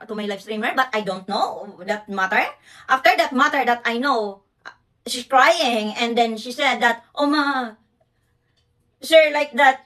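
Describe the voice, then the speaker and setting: A woman's voice: high-pitched, fairly bright tone, poor audio. A woman from the Philippines with a Filipino accent, a live streamer talking in broken English and ranting defensively to her viewers with many restarts. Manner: indignant, rambling, with frequent restarts and broken English. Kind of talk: defensive livestream rant.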